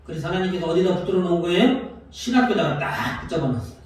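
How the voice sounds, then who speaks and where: High, animated male pastor preaching. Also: fast talker, heavy reverb, distant mic, rough recording. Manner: asks the congregation questions and answers them, acting out prayers. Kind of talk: sermon. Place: church sanctuary.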